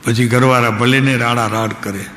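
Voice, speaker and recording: A man, a spiritual teacher, giving a devotional discourse in a calm, unhurried way and asking his listeners direct questions. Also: mid-range voice. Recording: echoey hall, faint background noise.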